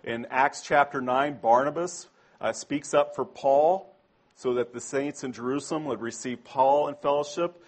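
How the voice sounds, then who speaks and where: A man's voice: medium pitch, moderate pace. A man preaching a sermon to a congregation in a conversational way, often asking them questions.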